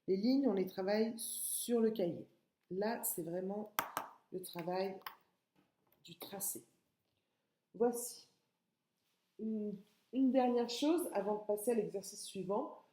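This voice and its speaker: A woman's voice: medium pitch, slow pace, pauses often, warm tone, reverberant, slight background noise. A woman teacher with a French accent giving a patient, step-by-step writing lesson to young children, spelling out sounds and syllables. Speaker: kindergarten teacher.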